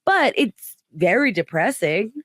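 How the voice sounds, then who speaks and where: A woman's voice: mid-range voice, very animated, unhurried, a bit bright, no echo, clean studio sound. A woman comedian hosting a podcast, telling a rambling story in casual chat, full of fillers and acted-out quotes. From United States.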